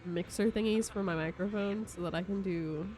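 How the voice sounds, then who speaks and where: A woman's voice: mid-range voice, moderate pace, a little mellow. A young woman, chatting casually and giggling with viewers on a live stream.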